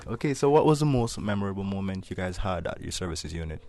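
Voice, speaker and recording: A man's voice: deep voice, animated, fast talker, dark tone. A man with a Caymanian accent hosting a radio interview, teasing his young guests and laughing often. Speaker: radio host. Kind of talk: casual interview.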